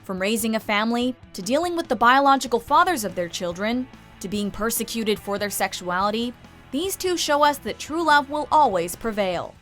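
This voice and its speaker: A woman's voice: fairly high pitch, lively intonation, moderate pace, a bit bright, faint music behind. A woman reading scripted narration as the narrator of a countdown video.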